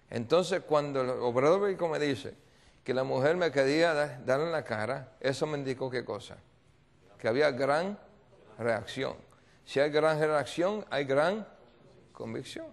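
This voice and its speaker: A male pastor preaches in a seminar, telling a story and constantly checking in with his listeners through call-and-response questions. His voice sits a little high and carries a gravelly grain. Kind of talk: sermon.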